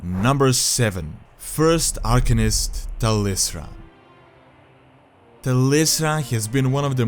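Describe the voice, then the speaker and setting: A man delivers scripted top ten countdown narration at a middling pitch. Music plays clearly behind his voice throughout. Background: background music.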